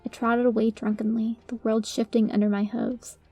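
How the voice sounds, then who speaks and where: A woman's voice: on the high side, level tone, normal speed, warm tone, husky, no room sound. A woman reading a first-person story as its narrator, in a dramatic storytelling style. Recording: music under the voice.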